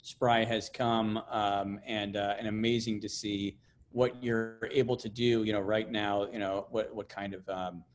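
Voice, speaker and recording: A man's voice: on the low side, flat delivery, unhurried. A man hosting and informally moderating online presentations, with hesitant, repetitive phrasing. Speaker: event host.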